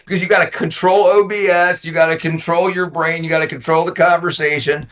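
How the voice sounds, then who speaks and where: A man's voice: fairly high pitch, fairly even intonation, a little fast, fairly bright tone. A man in his forties, a YouTuber guest in a casual talk, who rambles and repeats words as he thinks. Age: 40s. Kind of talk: casual conversation.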